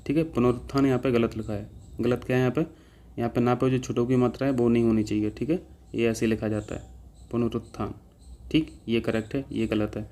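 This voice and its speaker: Dark-voiced man teaching an exam class. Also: mid-range voice. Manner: explains step by step, keeps checking with "ठीक है". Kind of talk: exam-prep lesson.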